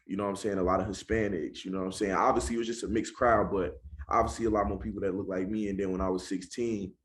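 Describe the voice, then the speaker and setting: Laid-back young Southern man, low voice. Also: fairly even intonation, fast talker. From Charlotte, North Carolina. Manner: laid-back, constantly adds "you know what I'm saying". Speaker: rapper, interview guest. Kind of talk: casual interview talk.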